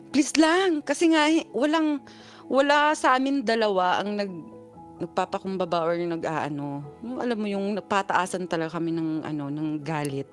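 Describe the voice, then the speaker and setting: A woman calling in to a radio show, telling a personal story with animated delivery and sharp rising reenactments of an argument. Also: lowish voice. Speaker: caller sharing a personal story. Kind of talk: phone-in confession. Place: abroad in her home.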